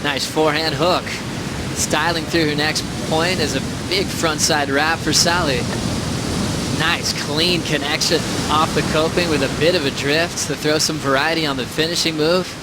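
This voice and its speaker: A man's voice: fairly even intonation, normal speed. A man calling a surf contest play-by-play in short, clipped phrases full of surf slang. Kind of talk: live sports play-by-play commentary. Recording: loud surf and wind rumble behind. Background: ocean waves, rumbling noise.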